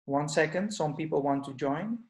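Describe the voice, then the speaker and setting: A man's voice: on the high side, moderate pace. A man who grew up in the Netherlands, a dental technician giving a webinar lecture in a plain manner and often restarting words. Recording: roomy echo.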